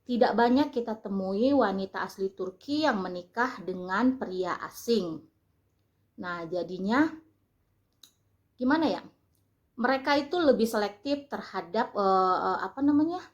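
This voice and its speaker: An Indonesian woman talking casually to her vlog audience. She explains things at an easy pace, pausing often with fillers as she searches for words. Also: medium pitch, muffled recording. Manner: chatty, explaining, frequent fillers. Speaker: vlogger. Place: lives in Turkey.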